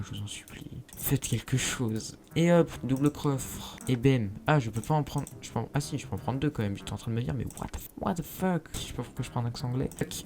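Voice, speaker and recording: Chatting freely with viewers as he plays a survival game, a young YouTuber keeps up a self-mocking, talkative let's play commentary. His mid-range voice is a little mellow, and slight background noise can be heard.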